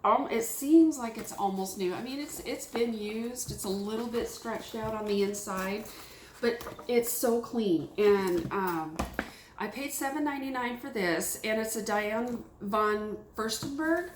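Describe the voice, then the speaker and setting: A woman chatting casually about her thrift finds, rambling and excitable with lots of fillers, at a table at home. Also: a little high, unhurried, roomy sound, background noise. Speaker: thrift haul vlogger. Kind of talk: casual chat. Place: small home room at a table.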